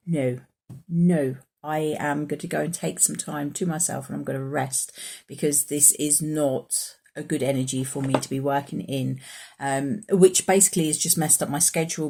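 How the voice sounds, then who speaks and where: A woman talks to her viewers in a relaxed, meandering way, pausing on fillers as she draws oracle cards. Her voice sits a little low and has a husky, breathy grain. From United Kingdom. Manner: chatty, rambling, with many fillers and restarts. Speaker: spiritual oracle card reader. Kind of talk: casual spiritual vlog with card reading.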